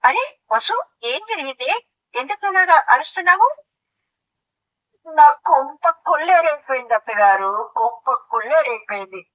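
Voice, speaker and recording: A woman voicing a suspicious, quick-tempered young wife in a comic audio play, shrieking her accusations with theatrical outrage. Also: sits high, expressive, recorded from a distance, highs cut off. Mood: outraged.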